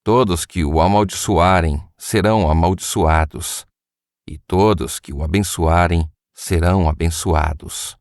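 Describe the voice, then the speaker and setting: Isaac, voiced by a man reading scripture, an aging father speaking blessings with grave, solemn weight. The voice sits low and moves slowly, recorded dry and close. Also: no echo. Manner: solemn, measured.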